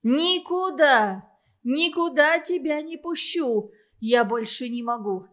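A woman's voice: lively intonation, slow pace, fairly bright tone, full character voice. A woman reading an audiobook, voicing a distraught middle-aged mother who shrieks tearful accusations. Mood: hysterical, accusing. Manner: shrill, tearful outbursts.

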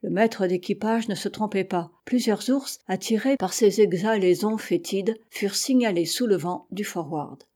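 Mellow woman reading a novel aloud. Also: mid-range voice, normal speed, hardly any pauses. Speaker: audiobook reader.

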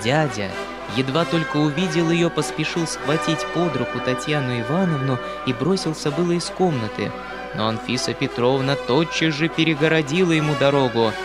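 A man reading a classic novel aloud as an audiobook narrator, expressive and measured. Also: fairly high pitch, loud music behind the voice. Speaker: audiobook reader.

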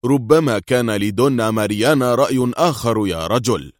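A man voicing a rough, cold-tempered male henchman who speaks curtly. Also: mid-range voice, moderate pace, no echo, clean studio sound, close to an everyday voice. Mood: gruff. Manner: rough, curt.

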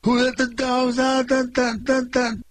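A man putting on a goofy, high-voiced guy who keeps belting a pop chorus and pushing others to sing along. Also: completely flat delivery, measured pace, a bit bright, no room sound, exaggerated voice. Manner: sing-song, pushy, repeats himself.

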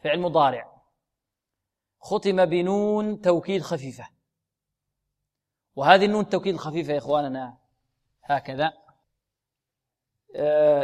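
Man teaching Quran recitation, chanting verse words. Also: fairly high pitch. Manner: asks questions and answers them himself, repeats and chants verse words slowly. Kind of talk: Quran tajweed lesson.

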